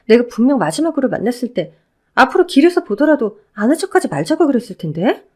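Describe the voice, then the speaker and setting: A woman's voice: fairly high pitch, big pitch swings, quick pace, mellow. A woman playing a scornful ex-wife. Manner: cutting, scornful. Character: sharp-tongued divorced woman, cold and scornful. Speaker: flight attendant.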